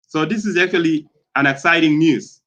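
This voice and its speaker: A man from South Sudan giving spoken commentary, speaking in a halting way with many fillers and repeated phrases. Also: on the high side, fairly bright tone, lo-fi sound.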